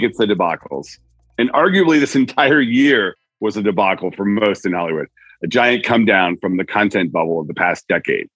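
Male podcast host, lower-pitched, conversational commentary, dry tablet-mic sound, faint music. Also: fairly bright tone, breathy edge, dry recording, poor audio. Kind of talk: conversational entertainment industry commentary. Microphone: tablet's built-in microphone, away from studio.

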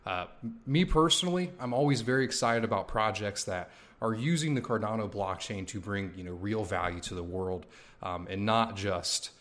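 A man hosts a relaxed podcast interview in a fairly low voice. He talks loosely, dropping "you know" into nearly every thought, and his mouth is sore from a tooth coming in. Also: moderate pace. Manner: relaxed, filler-heavy talk with many "you know"s. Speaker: podcast host.

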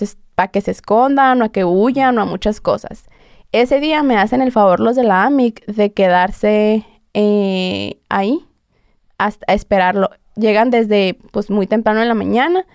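A woman's voice: medium pitch, a little mellow, no room sound, studio quality. A young woman, a podcast guest telling her own story earnestly, often restarting sentences and acting out what others told her. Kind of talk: personal account in conversation.

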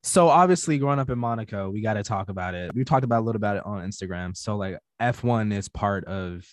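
A man's voice: on the low side, fast talker, dry recording. Laid-back slangy male podcast host. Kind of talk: casual interview chat.

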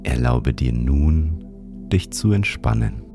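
Male sleep story narrator, extremely deep voice, slow pace, gentle, soothing meditation guidance. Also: lively intonation. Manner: gentle, soothing, unhurried guiding. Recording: music behind the voice. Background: music.

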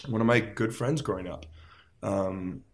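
A man from Las Vegas talks as a guest in a casual interview, his voice sitting a little low. He rambles through his stories, piling up fillers as he goes. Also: unhurried. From Las Vegas, United States. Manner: rambling, filler-heavy storytelling with many "like"s.

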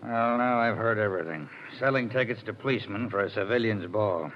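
Weary, low-voiced jail policeman acted by a man. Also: fairly quick, natural voice. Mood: weary, dismissive. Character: gruff, weary, put-upon male jail policeman. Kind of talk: 1940s radio acting. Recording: dull, noisy old radio recording.

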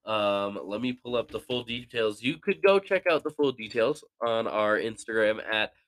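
A man's voice: fairly low pitch, lively intonation, normal speed, a bit bright. A young man co-hosting a casual sports podcast, answering in a laid-back, joking, slangy way. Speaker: podcast co-host.

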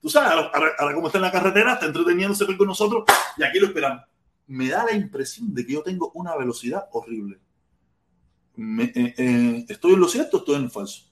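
A man's voice: fairly high pitch, lively intonation, fast talker, fairly bright tone, roomy sound, a little hiss or hum. A man from Cuba with a Cuban accent, hosting a heated political livestream, reading the chat and repeating words in bursts. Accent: Cuban Spanish. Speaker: livestream host.

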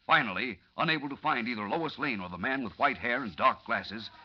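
Husky, dramatic old radio announcer, American man. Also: medium pitch, fairly quick. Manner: theatrical, urgent, suspense-building delivery. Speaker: narrator and announcer of a radio serial. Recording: dull, lo-fi vintage radio recording.

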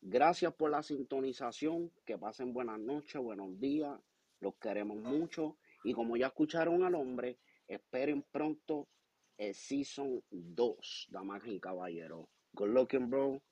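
A man's voice: mid-range voice, expressive, normal speed, a little mellow, husky. A man with giving a showy, announcer-style sign-off in a casual bilingual interview. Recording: muffled, roomy sound.

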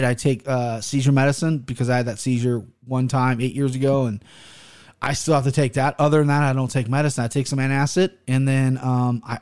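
The host of a laid-back solo podcast is an American man whose voice is medium-pitched and darkish. Talking with his mouth nearly closed, he wanders from point to point bluntly and throws in some swearing.

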